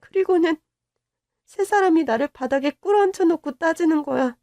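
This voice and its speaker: A woman's voice: very high voice, moderate pace, dry recording. Woman playing a hurt young wife confiding. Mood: hurt, resigned. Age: young adult. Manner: quiet, resigned confessional telling. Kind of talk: Korean radio-drama story reading.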